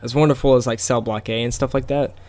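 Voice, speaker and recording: A gameplay commentator speaks quickly at a medium pitch, with fairly even intonation and a darkish tone. His voice is scratchy and tired as he talks casually through a game, rambling with plenty of fillers and small laughs.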